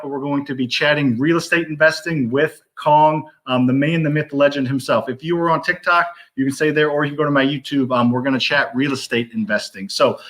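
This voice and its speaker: A man's voice: on the high side, fairly bright tone. A man hosting a live stream interview in an upbeat, hyped manner. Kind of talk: livestream interview chat.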